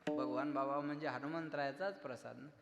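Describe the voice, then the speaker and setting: A man preaching a kirtan sermon, loudly declaiming, acting out dialogue and breaking into sung verses. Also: medium pitch, steady tone, normal speed, creaky. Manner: loud, declaiming, acts out dialogue, breaks into song. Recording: echoey hall with music.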